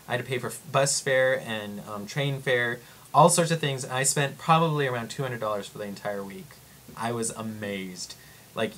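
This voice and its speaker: Excitable young man rambling. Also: mid-range voice, a little hiss or hum. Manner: rambling, excitable storytelling with many "like"s and acted-out quotes. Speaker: vlogger. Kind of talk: casual travel-story vlog.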